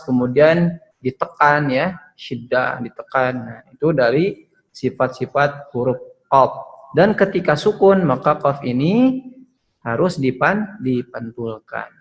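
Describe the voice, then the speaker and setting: A man's voice: a little high, creaky, poor audio. A male Quran recitation teacher explaining letter pronunciation patiently, demonstrating sounds and tagging phrases with "ya". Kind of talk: online Quran pronunciation lesson.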